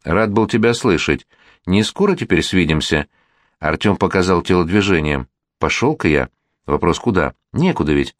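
Man, audiobook narrator, very low voice, lively wry reading, dry close sound. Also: normal speed, dry recording. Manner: wry, lively reading, lifts pitch for quoted lines.

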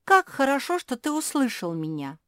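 Woman voicing a high, excited little pug girl. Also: slow, no echo, clean studio sound. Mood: joyful. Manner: eager, pleading and indignant. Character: small excitable female pug dog. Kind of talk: audiobook reading.

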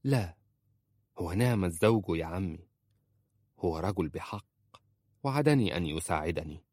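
A man's voice: low voice, lively intonation, normal speed, darkish tone, no room sound, clean studio sound. A man voicing an earnest young wife who pleads with her uncle in a story reading. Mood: pleading.

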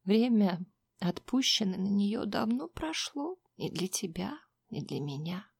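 A woman voicing a grieving older mother in an audiobook, speaking slowly in hushed, often whispered pleas. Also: mid-range voice, animated, vocal fry, slightly rough, no room sound, full character voice. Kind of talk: audiobook reading.

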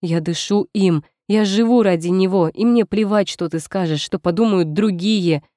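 A woman with a mid-range voice plays a fierce, defiant young heroine in a first-person story, lightly acted at a moderate pace. She sounds furious and forceful, barely holding her fury in. The recording is studio quality with no room sound.

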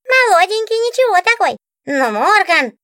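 A pampered female talking book from an audiobook, whining and affected in a piercingly high voice. Her tone is bright and sharp. The sound is dry and close to the mic. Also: very animated, moderate pace, no echo, exaggerated voice. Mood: dreamy. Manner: whiny, affected, pouty. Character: spoiled capricious talking book, female diva. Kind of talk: audiobook character voice.

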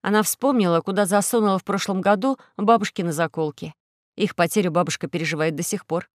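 A woman's voice: fairly low pitch, quick pace, no room sound, clean studio sound. Woman reading a children's audiobook. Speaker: audiobook narrator. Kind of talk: scripted audiobook narration.

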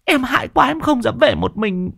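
A man's voice: extremely high pitch, animated, normal speed, vocal fry, fairly bright tone, breathy edge, no echo, voice pushed up, exaggerated voice. A man voicing a frightened middle-aged woman who wails and pleads for help, in a spooky storybook tale. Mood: pleading. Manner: pleading, wailing.

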